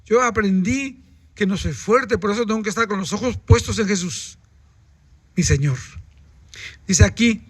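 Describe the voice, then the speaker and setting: Pastor preaching, very high bright voice, asks the congregation questions, dry sound. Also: male voice, normal speed, long pauses, breathy edge, no room sound. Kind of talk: sermon.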